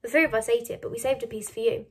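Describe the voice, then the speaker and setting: A woman's voice: on the high side, steady tone, racing, natural voice. A woman reading the lines of an earnest young boy, eager as he reports news.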